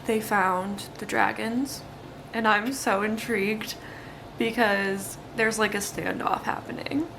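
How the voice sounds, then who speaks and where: A woman's voice: medium pitch, fairly even intonation, slow pace, vocal fry, over music. A young woman chatting casually in a book vlog, exasperated and full of "like". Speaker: book vlogger.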